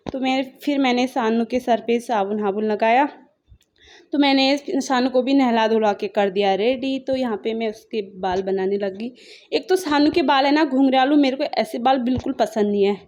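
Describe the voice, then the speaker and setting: A woman's voice: a little high, darkish tone, dull audio. A young woman with a Pahari-tinged Hindi accent, casually narrating her daily routine in a rambling, homely way. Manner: chatty, rambling, homely storytelling. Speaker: vlogger.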